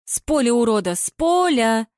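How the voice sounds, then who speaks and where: A woman's voice: a little high, very animated, moderate pace, a little mellow, no echo, studio quality, voice pushed up. A woman voicing a hot-tempered young female football fan who swears at the screen. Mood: yelling.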